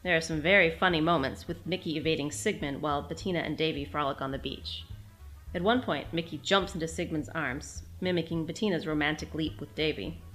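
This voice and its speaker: Woman reading a TV recap, low voice. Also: a little fast, fairly bright tone, soft background music. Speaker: podcast host reading her episode recap. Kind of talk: scripted reading.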